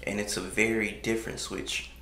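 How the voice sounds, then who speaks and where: A man interviewing someone casually, gently probing with his questions. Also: lowish voice, little pitch movement, moderate pace, gravelly. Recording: roomy echo, faint noise.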